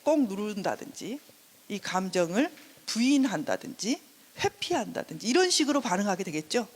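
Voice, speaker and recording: A woman's voice: mid-range voice, very animated, moderate pace, husky, in a large hall. A woman giving a counseling lecture, who acts out what parents say to their children. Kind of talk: classroom lecture.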